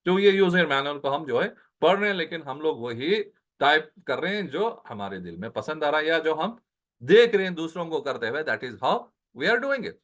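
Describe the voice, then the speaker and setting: A man with a fairly high voice teaches a Quran translation lesson. He explains each word in turn, repeats Arabic terms slowly and asks his listeners rhetorical questions. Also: very animated, a bit bright. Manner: explains word by word, mixing in English phrases; slows down on Arabic words, repeats them.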